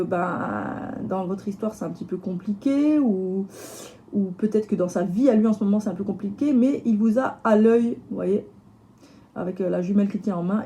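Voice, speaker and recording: This is a woman giving a casual tarot reading to her viewers. Her voice is warm and mellow, a little hoarse today, and she talks in a loose, hesitant way with many fillers and restarts. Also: mid-range voice, a little hiss or hum. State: slightly hoarse voice. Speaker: tarot reader.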